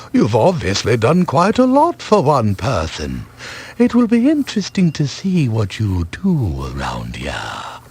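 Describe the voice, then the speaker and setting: Gatekeeper of a gloomy valley, game role: husky, unhurried, theatrical. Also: male voice, medium pitch, darkish tone, exaggerated voice. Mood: welcoming, curious. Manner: slow, dramatic, swooping delivery. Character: male gatekeeper of a dark Eastern European valley, talkative. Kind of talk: video game character dialogue.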